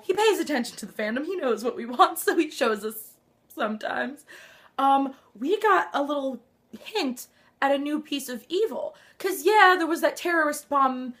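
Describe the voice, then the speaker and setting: A woman talks straight to a handheld camera in a casual fan vlog, gushing and excitable and sighing often. Her voice sits a little high, and her nose sounds slightly stuffed up. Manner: gushing and excitable, with frequent sighs. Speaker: vlog host.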